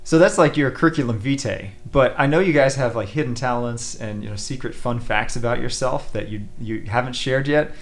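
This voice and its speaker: A man hosting a casual parish podcast, relaxed and quick with short affirmations. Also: medium pitch. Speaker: podcast host.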